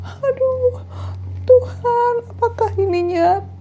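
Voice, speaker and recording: A woman's voice: very high voice, slow pace, warm tone, muffled recording, voice pushed up, exaggerated voice. A woman voicing a panicking young woman in labor who pleads and wails near tears. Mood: panicked pleading.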